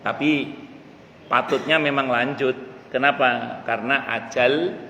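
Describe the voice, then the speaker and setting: A man giving a mosque study lecture, chanting Arabic passages slowly before explaining them. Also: medium pitch, steady tone, bright, forceful tone, slight background noise. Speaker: religious teacher. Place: mosque hall. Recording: echoey mosque hall with faint ambience.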